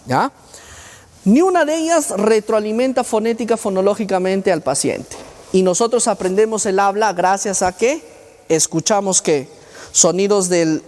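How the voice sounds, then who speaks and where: A man's voice: sits high, a little mellow. Man lecturing in a reverberant hall. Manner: asks the audience rhetorical questions. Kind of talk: university conference lecture.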